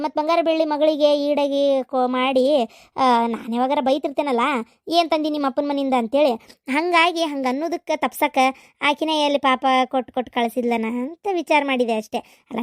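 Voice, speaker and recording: Cartoon: woman playing a sly, meddlesome middle-aged gossip with a North Karnataka accent, shrill and high. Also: normal speed, dry recording, clean studio sound, natural voice. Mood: backpedaling. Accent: North Karnataka Kannada. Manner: nagging, sly, defensive. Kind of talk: cartoon voice acting.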